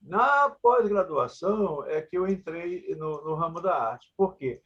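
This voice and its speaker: A man's voice: a little high, expressive, measured pace, fairly bright tone. An older man from Brazil with a Maranhão accent, telling his life story in an interview in a blunt, joking, earthy way. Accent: Maranhão Brazilian Portuguese. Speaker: puppeteer and researcher, guest. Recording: dull lo-fi sound.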